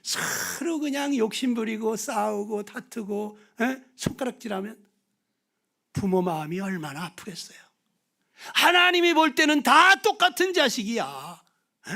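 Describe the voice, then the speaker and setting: A man preaching a revival sermon, swinging from loud exclamations to hushed whispers and prodding the audience with questions. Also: extremely high pitch, sing-song, a little slow, gravelly. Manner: prods the audience with questions and tag words. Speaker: guest preacher at a revival meeting.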